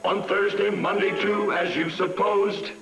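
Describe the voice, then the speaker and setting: A jaunty singer of comic cartoon sea songs, high in pitch. The words come slowly. The 1960s soundtrack is echoey, with loud music. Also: male voice, flat delivery. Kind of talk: sung cartoon musical number.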